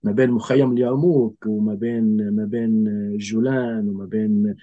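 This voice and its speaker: A man with a Levantine Arabic accent telling a personal story in conversation, in a reflective, halting way with pauses and trailing phrases. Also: fairly low pitch, steady tone, warm tone, dull audio, soft background music. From Golan Heights. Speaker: interview guest.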